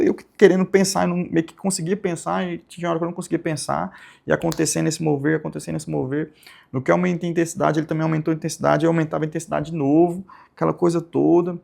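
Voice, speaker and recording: A young man telling a personal religious testimony, soft-spoken and rambling, often tagging his sentences with little questions. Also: fairly high pitch, vocal fry. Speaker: channel host giving testimony.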